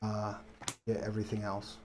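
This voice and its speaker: A man narrating as game master of a tabletop game, relaxed and hesitant, with many fillers. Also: on the low side, moderate pace, a little hiss or hum.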